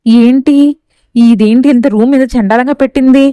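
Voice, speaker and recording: A woman's voice: on the high side, steady tone, normal speed, dark tone, clear, resonant tone, no echo, natural voice. A woman voicing a spiteful, bossy young roommate who speaks haughtily and schemes against a newcomer. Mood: haughty.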